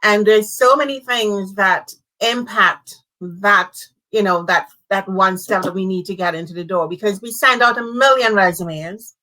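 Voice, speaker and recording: A woman hosting a live-streamed talk show, speaking in an animated, conversational way with emphasis, over a video call. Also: mid-range voice, measured pace, few pauses, poor audio. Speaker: host.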